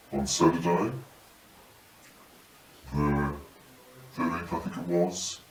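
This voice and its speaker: Disguised, very deep voice of an Australian man. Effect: voice disguised, pitched very deep. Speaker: paramedic. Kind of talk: anonymous whistleblower statement. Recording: echoey room, distant mic, faint hiss.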